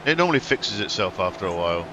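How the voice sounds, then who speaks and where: A man's voice: low voice, big pitch swings, fast. A man hosting a sim racing livestream, chatting casually with wry, joking asides while he drives. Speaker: stream host and sim racer. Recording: loud noise over the voice.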